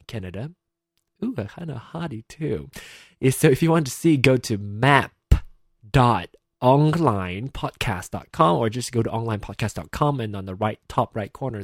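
A man's voice: mid-range voice, dry recording, studio quality. A man in his thirties from Malaysia hosting a casual solo podcast from a home computer, rambling and giggly with many fillers. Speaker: podcast host.

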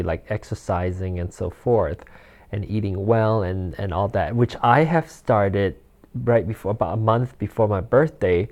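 Low-pitched and darkish in tone, a forty-year-old man hosts his solo podcast casually, rambling with fillers and restarts and chuckling often. There's rustle from the handheld or desk mic.

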